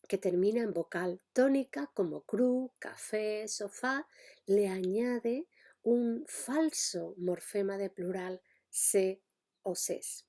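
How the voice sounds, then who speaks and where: A woman's voice: mid-range voice, vocal fry, warm tone, husky. A middle-aged woman giving a spoken linguistics lesson, explaining step by step with frequent hesitations and checks on her listeners. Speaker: lecturer.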